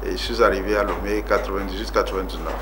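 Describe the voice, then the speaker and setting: Here a male guest politician from Togo, in his forties, discusses his life in a TV interview. His voice is low and fast with fairly even intonation, recorded against background noise, and he speaks earnestly with lots of fillers and rising emphasis.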